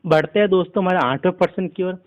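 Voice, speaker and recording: A man talks through exam maths problems in a steady, step-by-step way. His voice sits a touch higher than most men's, and he keeps the tone of a patient tutor. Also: fast talker, lo-fi sound. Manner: steady step-by-step explaining, keeps addressing listeners as friends. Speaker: maths teacher. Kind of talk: exam-prep maths lesson.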